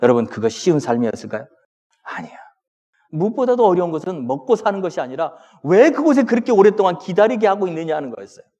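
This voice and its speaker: Korean male pastor, lively higher voice, sermon in a reverberant church hall. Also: fast talker, highs cut off. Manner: expressive preaching, rising to impassioned cries in prayer quotes. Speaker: senior pastor. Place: church sanctuary.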